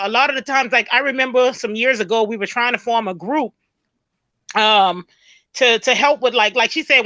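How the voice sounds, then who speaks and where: A woman's voice: a little high, bright, forceful tone, dry recording, dull audio. A woman, a community volunteer, speaks earnestly on a video call whose audio keeps glitching and cutting in and out. She often repeats and restarts her words. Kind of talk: casual panel discussion.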